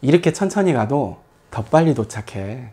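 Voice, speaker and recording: A man lecturing his math academy students in a blunt, scolding tone. His pitch swings up and down, and he keeps firing rhetorical questions at them. He lets casual swear words slip in as he talks. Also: normal speed. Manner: lively, lots of rhetorical questions.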